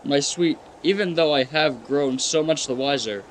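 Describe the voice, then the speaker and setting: A man's voice: a little high, normal speed, a little hiss or hum, natural voice, low-quality recording. A man playing a proud, ambitious young businessman and suitor in a radio play, formal and self-assured. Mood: defensive, proud. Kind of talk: live-audience radio play acting.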